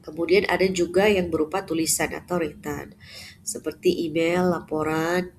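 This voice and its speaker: A woman giving a lecture in a measured way, often pausing on "eh" and ending points with "ya". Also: low-pitched, steady tone, darkish tone, slight background noise. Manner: measured, with frequent "eh" fillers and "ya" tags. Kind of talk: unscripted lecture.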